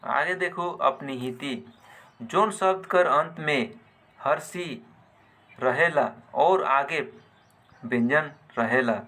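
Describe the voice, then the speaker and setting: A man teaching a grammar lesson at an unhurried, careful pace. His voice sits a little high and sounds bright and forceful. He says example words deliberately, often in pairs.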